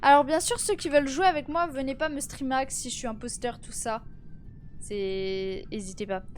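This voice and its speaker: This is a teenage girl's high-pitched voice as she streams live, talking casually with viewers at a moderate pace over faint background music. A cold leaves her sounding tired and stuffy, and she uses plenty of fillers and restarts.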